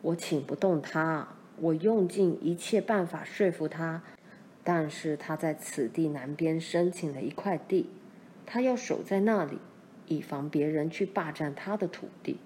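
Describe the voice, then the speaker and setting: A woman voicing a steady middle-aged pioneer father, speaking low and measured as he recounts events. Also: slight background noise. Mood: calm.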